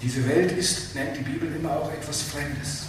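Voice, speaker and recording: A man preaching a sermon, emphatic and animated, asking the listeners rhetorical questions. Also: fairly high pitch, moderate pace, recorded from a distance. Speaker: pastor. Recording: very echoey hall, speaker off-mic, faint room noise.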